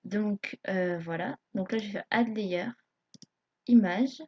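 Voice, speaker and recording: A woman's voice: medium pitch, slow, husky, no echo. Hesitant young-sounding woman. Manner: hesitant, many fillers, self-conscious beginner. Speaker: YouTube tutorial maker. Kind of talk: live screen tutorial narration. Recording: dull lo-fi home recording.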